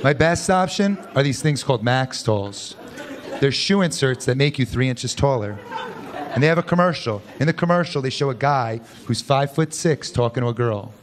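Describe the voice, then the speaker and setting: A man in his thirties doing a dry, deadpan stand-up set on a club stage, speaking into a handheld mic. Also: medium pitch, moderate pace. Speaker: stand-up comedian. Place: comedy club stage before a live audience. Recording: loud club crowd and noise. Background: loud audience laughter.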